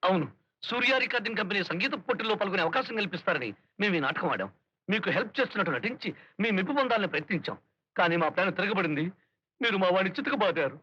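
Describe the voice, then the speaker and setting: An actor playing a scheming, boastful harmonium player in a film comedy, theatrical in delivery. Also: male voice, sits high, lively intonation, rapid-fire, sharp tone, husky, exaggerated voice. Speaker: comic lead. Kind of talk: Telugu film comedy dialogue. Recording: dry, dull film soundtrack.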